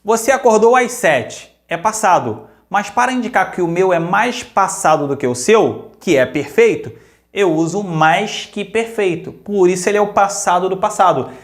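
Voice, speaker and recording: A man with a Brazilian Portuguese accent teaching a grammar lesson, lively and repeating examples slowly while checking in with questions. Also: high-pitched.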